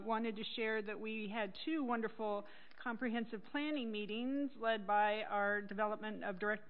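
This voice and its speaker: A woman's voice: medium pitch, muffled recording. Woman council member, upbeat and friendly. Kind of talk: council meeting remarks. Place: council chamber.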